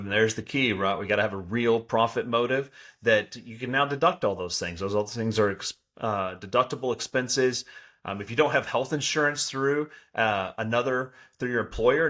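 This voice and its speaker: A man's voice: medium pitch, a bit bright. Conversational man explaining things plainly. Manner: conversational, explanatory, often checking in with "right?". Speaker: podcast co-host, accountant. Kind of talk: casual advice talk.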